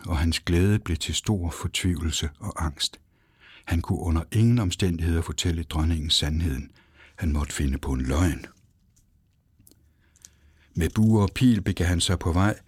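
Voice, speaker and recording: Deep husky guy reading a fairy tale, dramatic, dry close sound. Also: no room sound. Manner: expressive, dramatic. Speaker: storyteller. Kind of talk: storybook narration.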